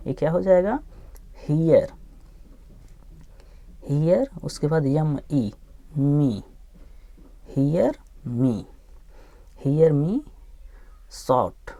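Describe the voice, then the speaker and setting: A man teaching English phonics, sounding out each letter slowly and repeating every word. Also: on the high side, gravelly, dark tone, dry recording. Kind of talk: slow phonics lesson, spelling words aloud.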